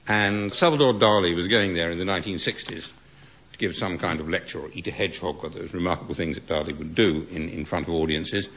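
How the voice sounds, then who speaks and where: A man's voice: low-pitched, fast, fairly bright tone, breathy edge. A man on a quiz panel telling a wry anecdote. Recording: dull broadcast audio.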